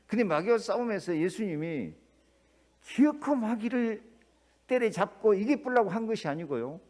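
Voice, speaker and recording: A middle-aged man preaches a sermon, his slightly high voice ranging widely as he moves between forceful declamation and hushed remarks. He keeps asking the congregation questions. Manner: swings between loud declamation and quiet asides. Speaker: pastor.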